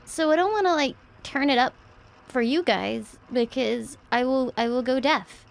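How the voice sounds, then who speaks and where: A woman's voice: high voice, normal speed, vocal fry. A woman livestreaming a horror game as a scared, jumpy streamer, chatting to viewers and exclaiming as she plays. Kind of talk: horror game livestream chat, reacting while playing.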